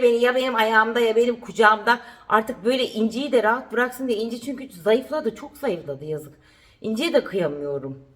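Chatty woman vlogger cooing at her puppy. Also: fairly high pitch. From Turkey. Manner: chatty, cooing baby talk to her dog, repeats phrases. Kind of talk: casual vlog chat to camera while playing with her puppy. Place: at home indoors.

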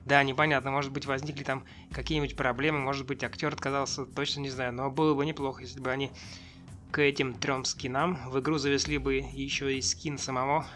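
A man's voice: mid-range voice, little pitch movement, quick pace, fairly bright tone, faint music behind. A man giving casual, rambling and hesitant commentary as he reviews a video game. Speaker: gaming video host.

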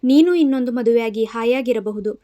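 A woman's voice: on the high side, brisk, dark tone, close to an everyday voice. A woman voicing a spiteful, scheming young woman who taunts her rival in a storybook reading. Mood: taunting. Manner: taunting, contemptuous.

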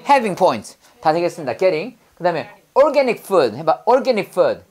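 A woman's voice: lowish voice, very animated, slow, darkish tone. A woman teaching English vocabulary in class, drilling students with call-and-repeat prompts and playful memory tricks.

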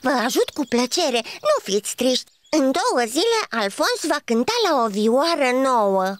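A woman's voice: high-pitched, sing-song. Woman voicing a kindly blue bug. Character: shy, kindly blue hopping bug craftsman.

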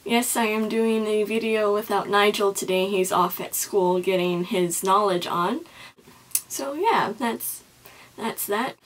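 A woman's voice: mid-range voice, a little slow, low-quality recording. A young woman doing a mock-serious confessional vlog monologue, earnest and solemn, often restarting her sentences. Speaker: comedy vlogger.

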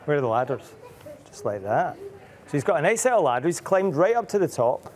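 A man's voice: on the high side, big pitch swings, fairly quick, a little mellow. Playful man reading to kids. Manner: playful, asks children many questions. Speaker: author and illustrator reading to children. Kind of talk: reading aloud to children.

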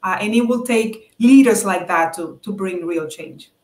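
Woman guest giving career advice, mid pitch, lots of ums, echoey room. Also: unhurried, a little mellow. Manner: earnest, advice-giving, with many fillers. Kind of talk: interview answers.

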